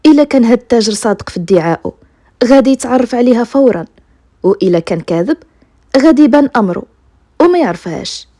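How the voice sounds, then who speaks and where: A woman's voice: a little high, animated, fast talker, long pauses, warm tone, dry recording, clean studio sound. A woman with a Moroccan accent voicing a wronged, cunning husband in bedtime folk-tale storytelling. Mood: sly, assured.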